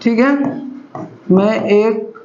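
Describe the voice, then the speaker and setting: High-voiced man teaching grammar, roomy. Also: steady tone, drawn-out words, darkish tone, slight background noise. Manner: patient, repetitive explaining, addresses students as beta. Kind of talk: classroom grammar lesson. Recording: roomy, dull lo-fi recording.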